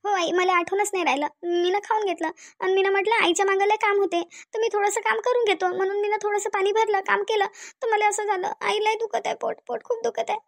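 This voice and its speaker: A woman's voice: extremely high pitch, steady tone, fast talker, vocal fry, hardly any pauses. A woman voicing a frightened young pregnant woman with a Varhadi Marathi accent, who whimpers and pleads. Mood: pained pleading.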